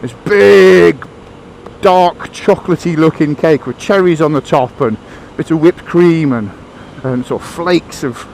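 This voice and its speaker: A man's voice: a little high, a little slow, vocal fry, darkish tone, slight background noise, poor audio. A man chatting casually while riding a motorbike, talking into a helmet mic in a waffly, self-deprecating way. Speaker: motorcycle vlogger. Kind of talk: casual rambling chat.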